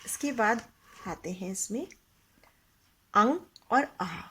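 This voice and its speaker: A woman's voice: medium pitch, animated, takes it slowly, sharp tone, a little hiss or hum. A woman teaching a Hindi grammar lesson to young children, explaining patiently, asking the class questions and mixing English words into her Hindi.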